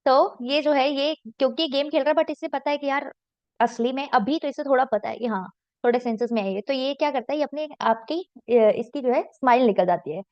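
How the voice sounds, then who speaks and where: Indian-accented woman teacher, slightly high voice, slow reads, chatty explaining, dry close mic. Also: no echo, muffled recording. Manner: slow deliberate reading of English lines, quick chatty Hindi explanation with fillers. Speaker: English teacher. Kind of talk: line-by-line lesson explanation.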